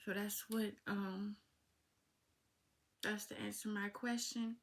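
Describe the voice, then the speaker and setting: A woman's voice: mid-range voice, flat delivery. An eighteen-year-old woman talking casually to her viewers in a heartfelt vlog Q&A, calling them y'all. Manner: talks slowly, informal and heartfelt, addresses viewers as y'all. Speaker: vlogger. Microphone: phone.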